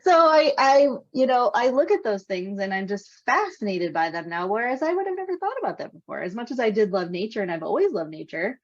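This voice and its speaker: A woman's voice: mid-range voice, sing-song, fairly quick, few pauses. A woman hosting a podcast in casual conversation over a video call, talkative and full of "you know". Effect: on a video call with a dropping connection. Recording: dull lo-fi video call audio.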